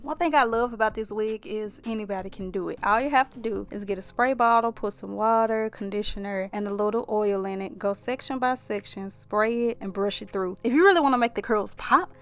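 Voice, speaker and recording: A young woman casually talking viewers through a wig tutorial step by step, chatty and addressing them as y'all, with playful boastful asides. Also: a little high. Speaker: beauty vlogger.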